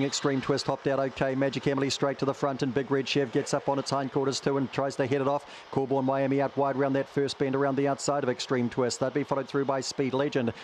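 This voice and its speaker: A man's voice: mid-range voice, slight background noise. A man with a broad New Zealand accent calling a greyhound race in live commentary.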